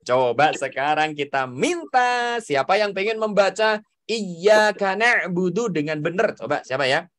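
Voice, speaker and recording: Slow, playful male teacher for kids. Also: high-pitched, lively intonation, a bit bright, no room sound, studio quality. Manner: slow, enunciating, playful and encouraging. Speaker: children's religious teacher. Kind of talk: children's lesson.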